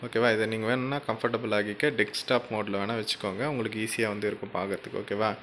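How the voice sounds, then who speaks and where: This tutorial channel host speaks fast in a fairly low, level voice that's a bit bright, with a slight hiss or hum behind him. Chatting his way through a casual screen recording, he explains every step and often pauses to ask the viewer "okay?"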